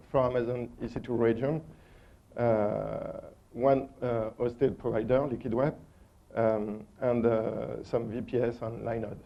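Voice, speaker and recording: A man with a strong French accent gives a technical conference talk, hesitant and full of ums and uhs. His medium-pitched voice is creaky, and the conference recording sounds dull and lo-fi.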